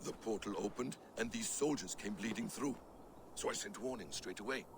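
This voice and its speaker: An actor voicing a sly, menacing Norse trickster god in a video game, with theatrical, taunting speech. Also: male voice, on the low side, moderate pace, close to an everyday voice. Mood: taunting menace. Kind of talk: video game character acting. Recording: noisy game ambience behind.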